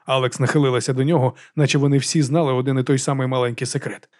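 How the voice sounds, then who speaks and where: A man's voice: mid-range voice, little pitch movement, very fast, darkish tone. A man narrating a fantasy audiobook with dramatic storytelling.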